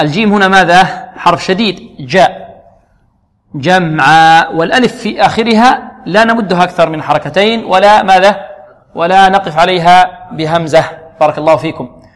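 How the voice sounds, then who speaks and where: A man teaching Quran recitation who asks the class questions, answers them himself, and repeats words slowly for practice. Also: fairly high pitch, long reverb tail.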